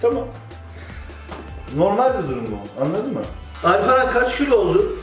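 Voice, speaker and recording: A young man with a fairly high voice, sniffly from a cold, chats casually as a barber hosting his vlog. He is picked up from a distance in an echoey barbershop, with music behind him. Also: sing-song, moderate pace. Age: young adult. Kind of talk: casual joking chat. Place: indoor barbershop. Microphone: camera a few steps away.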